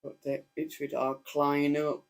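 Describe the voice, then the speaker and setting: A man's voice: fairly high pitch, completely flat delivery, normal speed, vocal fry. A man co-hosting a casual chat, giving short, eager replies. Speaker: co-host.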